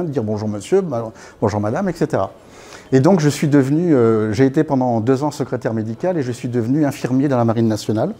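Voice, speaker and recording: A man's voice: medium pitch, warm tone. A man in his fifties telling his life story at a networking evening, casual and anecdotal, with many fillers and restarts, recorded by a far camera in a small meeting room. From born in Congo, raised in Africa, French parents. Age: 50s. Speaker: guest speaker at a networking evening. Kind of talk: personal storytelling talk.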